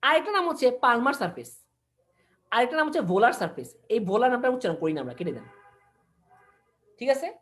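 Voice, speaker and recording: A woman gives an online anatomy lesson in a quick, animated voice that sits a little high. She repeats key terms and keeps asking her listeners whether they follow. The sound comes over a video-call mic. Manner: mixes English terms into speech, repeats key words, quizzes listeners. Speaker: anatomy lecturer.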